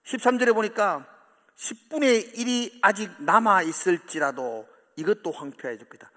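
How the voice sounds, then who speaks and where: Male pastor, high-pitched, lively sermon delivery, long church reverb. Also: moderate pace. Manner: animated, acts out quoted voices with big swings of loudness. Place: church sanctuary.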